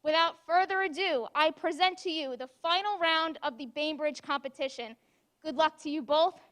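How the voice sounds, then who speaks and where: A woman's voice: sits high, moderate pace, fairly bright tone. A woman acting as presenter, giving a formal introduction to a competition.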